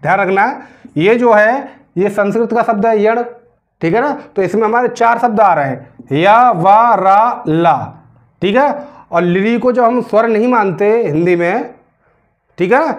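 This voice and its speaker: High-voiced teacher explaining grammar. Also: male voice, a little slow, lo-fi sound. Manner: repeats questions to the class, drags out words while writing. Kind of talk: classroom grammar lesson.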